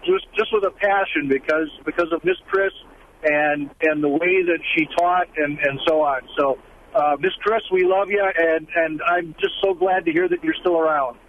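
High-voiced man calling in by car speakerphone. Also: fairly even intonation. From Milwaukee, USA. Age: middle-aged. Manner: halting, earnest, with many fillers and restarts. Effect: speakerphone in a moving car, heard over the phone line. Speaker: caller. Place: driving car. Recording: tinny phone line with faint car noise. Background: faint road noise.

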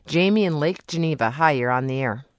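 A woman hosting a radio call-in show with a smooth, polished radio host delivery, reading promos and introducing callers from a studio microphone. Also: low-pitched, expressive, brisk, dry recording.

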